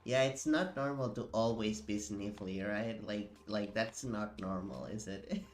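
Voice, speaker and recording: Sniffly from allergies, a streamer chats slowly and loosely into a desk microphone while playing a video game, live-streaming with animated energy. He rambles, fills sentences with "like" and corrects himself mid-thought, as faint game music sits low behind him.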